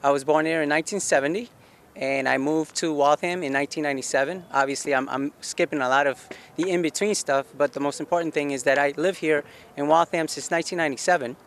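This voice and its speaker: A man's voice: a little high, fairly even intonation, quick pace, creaky, a bit bright. Forties man from Guatemala, earnest local candidate with a slightly raised voice who asks and answers his own questions. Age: 40s. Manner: earnest, asks himself questions and answers them, frequent restarts. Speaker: city council candidate. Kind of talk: campaign statement to camera. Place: outdoor rooftop deck in a city.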